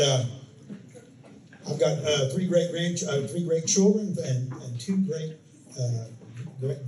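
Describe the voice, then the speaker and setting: A man's voice: medium pitch, dark tone. An older man with a Southern US accent, speaking at a candidate forum in a folksy, rambling way full of fillers and restarts. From Polk County, Florida, USA. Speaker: incumbent county commissioner. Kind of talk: campaign speech and forum answer. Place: meeting room at a club event. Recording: echoey room, distant mic, some noise.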